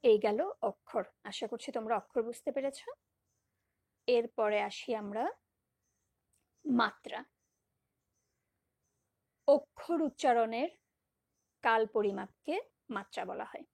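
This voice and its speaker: A woman teacher lectures with patience, repeating each example and stretching single syllables. Her fairly high voice is husky and gravelly. The sound is dry and close. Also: slow pace, long pauses, a little mellow, no echo. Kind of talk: recorded lecture on poetic meter.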